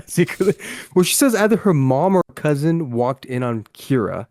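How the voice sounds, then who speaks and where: A man's voice: a little high, sing-song, normal speed, darkish tone, no room sound. A man co-hosting a casual podcast, joking around, asking questions and laughing easily. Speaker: podcast co-host.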